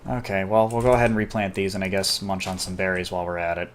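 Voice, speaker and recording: A casual gamer narrating his own gameplay, chatty and self-deprecating, with excited outbursts. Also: low voice, quick pace, slight background noise. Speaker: gameplay commentator. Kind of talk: casual let's-play commentary.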